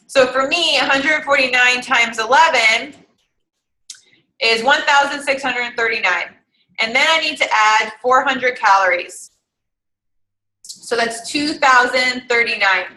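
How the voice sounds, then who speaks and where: Young female fitness coach, high bright voice, casual encouraging talk, roomy echo. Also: unhurried. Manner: chatty, encouraging, thinking aloud through calculations. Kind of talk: casual online group coaching.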